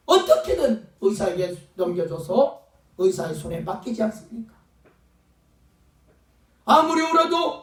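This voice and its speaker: High-pitched fervent male pastor preaching. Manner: fervent preaching, acting out pleading voices. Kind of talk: sermon. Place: church sanctuary. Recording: echoey church sound from a distant mic.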